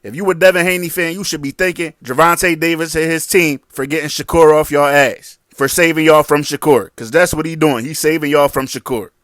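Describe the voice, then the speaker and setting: A man's voice: fairly high pitch, fairly even intonation, fairly quick, few pauses, a bit bright, no room sound, clean studio sound. A man giving casual boxing commentary in a blunt, slangy, combative way.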